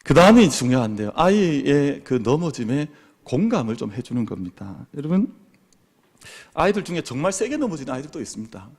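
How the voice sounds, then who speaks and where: Animated male pastor preaching. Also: mid-range voice, a little fast, breathy edge. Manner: animated, acts out parents' and children's words. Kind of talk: sermon. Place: church sanctuary.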